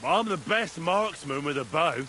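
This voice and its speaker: A man's voice: fairly high pitch, expressive, moderate pace, sharp tone, slight background noise. An actor playing a boastful, cocky young man in a video game, bragging and swearing as he drinks.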